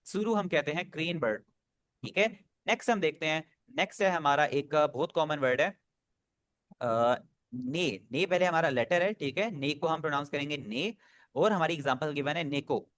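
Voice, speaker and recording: A man's voice: on the high side, fairly quick, a bit bright, no room sound. A man teaching an online Japanese class, patiently drilling pronunciation over a video call.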